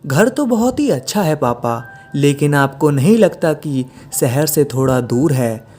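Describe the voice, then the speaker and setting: A man's voice: a little high, lively intonation, measured pace, warm tone. A man doing a curious young boy. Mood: puzzled. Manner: questioning.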